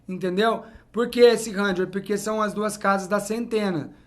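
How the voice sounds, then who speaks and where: High-voiced man teaching at a whiteboard. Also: fairly even intonation, normal speed. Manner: explains step by step, repeating "então" and "ó". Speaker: English teacher. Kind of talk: whiteboard lesson.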